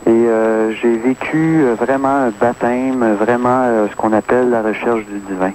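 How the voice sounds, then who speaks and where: A man's voice: medium pitch, fairly even intonation, normal speed, a little mellow, low-quality recording. A man in his thirties with a Québécois accent calling in to radio, testifying earnestly and hesitating with many fillers. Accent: Québécois French. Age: 30s. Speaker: caller. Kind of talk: phone-in testimony. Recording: caller on AM radio with faint hiss.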